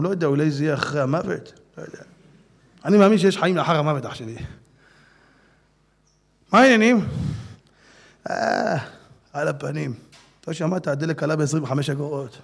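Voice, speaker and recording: A man giving an animated sermon to an audience, dropping to a hush and then breaking into loud, laughing exclamations. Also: a little high, gravelly. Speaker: religious speaker.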